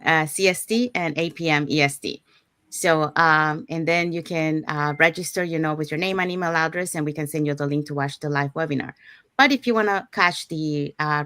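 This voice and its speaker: A woman's voice: fairly low pitch, fairly bright tone, no echo, studio quality. A woman from Panama hosting an online panel over a video call, announcing schedules and introducing guests. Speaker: host.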